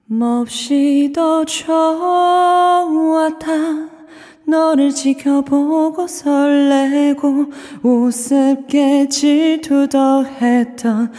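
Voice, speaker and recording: A young woman, not a native speaker of the language, singing a slow ballad with a digital echo effect added. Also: sits high, steady tone, dark tone, faint music behind. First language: not Korean. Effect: digital echo added to her singing. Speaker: guest singer.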